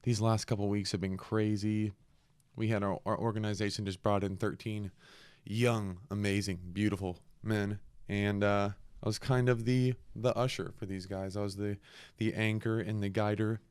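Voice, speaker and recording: A man's voice: on the low side, level tone, normal speed, a little mellow, clean tone, no echo, studio quality. A young man hosting a podcast in a casual, reflective solo monologue, earnest and a bit congested and sniffly from a cold. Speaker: podcast host.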